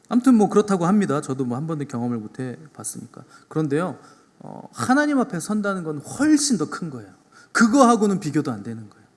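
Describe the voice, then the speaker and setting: A male pastor preaching a Sunday sermon, swinging between loud emphatic peaks and soft low asides and putting rhetorical questions to the congregation. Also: very animated, normal speed, long reverb tail. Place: church sanctuary.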